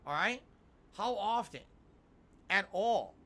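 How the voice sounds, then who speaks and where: A man's voice: high-pitched, animated, slow, bright, forceful tone. A man streaming about video games, ranting in an unhinged, emphatic way and repeating himself to his viewers. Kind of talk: opinionated rant to stream viewers.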